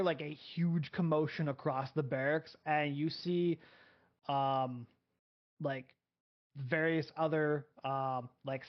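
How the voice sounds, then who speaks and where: A man running a tabletop game as game master, narrating loosely with many fillers. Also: on the high side. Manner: rambling, full of fillers and restarts. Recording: dull lo-fi audio.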